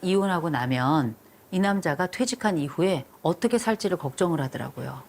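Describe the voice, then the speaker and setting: A woman's voice: fairly low pitch, lively intonation, brisk, darkish tone. A middle-aged woman counseling a couple on television, stern and lecturing, repeating her instructions firmly. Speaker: marriage counselor. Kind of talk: blunt counseling session on TV.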